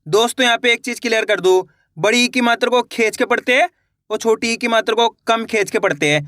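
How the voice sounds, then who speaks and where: This beginners' Hindi writing lesson is led by a man whose voice is very high, bright and crisp. Drawing each word out slowly, he asks questions and supplies the answers himself. The recording is close and dry, with no room sound at all.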